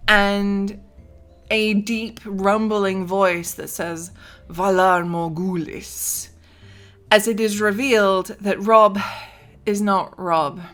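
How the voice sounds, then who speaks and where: Woman, casual game recap, bright forceful voice, chatty asides, faint music behind. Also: medium pitch, takes it slowly. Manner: chatty, animated, with sound effects and asides. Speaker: tabletop game player recapping a character.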